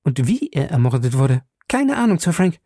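A man's voice: a little high, big pitch swings, moderate pace, mellow, no echo, studio quality. A man voicing a defiant young woman in a detective audiobook, who speaks sharply and emotionally. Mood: pleading.

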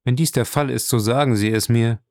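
A man's voice: mid-range voice, fairly quick, a little mellow, dry recording, studio quality, close to an everyday voice. A man voicing a commanding, mocking nobleman who orders his servant about. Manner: imperious, ironic.

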